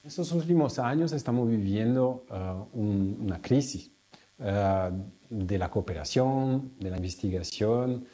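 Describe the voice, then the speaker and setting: A man from Italy, a researcher, explaining his work hesitantly, pausing often and searching for words. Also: lowish voice, lively intonation, dark tone. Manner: hesitant, many fillers and restarts, searching for words. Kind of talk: explanatory talk.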